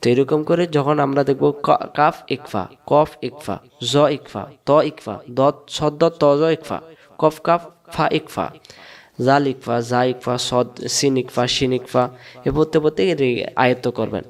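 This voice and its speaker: A man's voice: mid-range voice, a little slow. A man teaching a step-by-step online Quran recitation lesson in Bangladeshi Bengali, patiently repeating rules and asking and answering his own questions.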